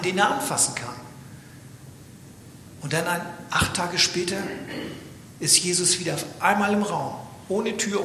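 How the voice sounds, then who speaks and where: A man gives a sermon in a high, bright voice. He preaches dramatically and sometimes sinks to a whisper for emphasis. The church hall echoes around him with a long reverb. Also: slight background noise.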